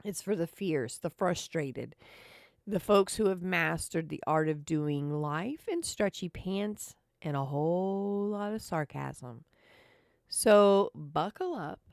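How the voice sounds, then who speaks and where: A woman talks slowly and sarcastically as a podcast host, chatting straight to her listeners. Her voice sits a little low. The sound is dry and close, with no room echo. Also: gravelly, darkish tone. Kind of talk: casual monologue.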